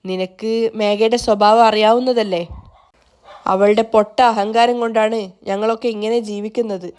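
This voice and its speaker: A woman voicing a worried old grandmother who asks softly and pleadingly for money. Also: on the high side, fairly even intonation, normal speed, natural voice.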